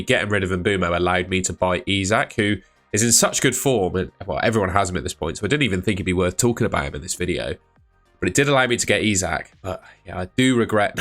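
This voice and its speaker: A fantasy football channel host with a cold speaks in a low, fairly bright voice in a casual solo video. He's chatty and thinks aloud as he comments.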